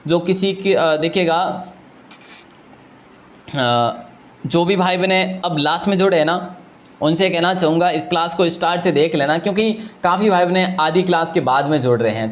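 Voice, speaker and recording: A man's voice: high-pitched, normal speed. A man with a Rajasthani Hindi accent teaching a live online exam-prep class, chatty and joking as he talks to his students. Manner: chatty and joking, often addresses students as friends.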